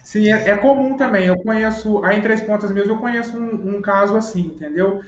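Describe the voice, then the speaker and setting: A man's voice: sits high, a little fast, slight background noise. A man, a guest on an interview show, patiently explains step by step and often checks that he has been understood. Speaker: sign language teacher guest. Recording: roomy, dull live-stream audio.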